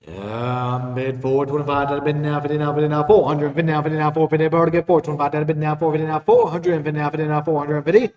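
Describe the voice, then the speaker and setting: A man's voice: on the high side, fairly even intonation, quick pace, hardly any pauses, a little mellow, lo-fi sound. A man working as an auctioneer, calling bids in a repetitive, rhythmic auction chant. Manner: repetitive rhythmic bid calling between plainly announced lots. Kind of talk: rapid auctioneer chant with repeated bid calls. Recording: roomy echo, distant from the mic.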